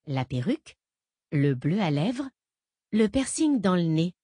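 A woman reading a calm, menacing fugitive agent. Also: on the low side, unhurried, husky, no echo, clean studio sound, exaggerated voice. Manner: calm, patient, quietly menacing. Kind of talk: audiobook character reading.

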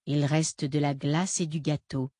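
A smooth, condescending impostor father, put on by a woman narrating a novel, speaks low and hushed. He soothes and talks down with unsettling calm. The recording is close and dry. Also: a little slow, no room sound. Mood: patronizing. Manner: soft, patronizing, soothing.

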